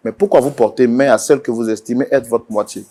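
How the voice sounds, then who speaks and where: A man's voice: medium pitch, fast talker, warm tone. Formal, probing male mediator. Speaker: mediator host. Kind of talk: questioning mediation talk show.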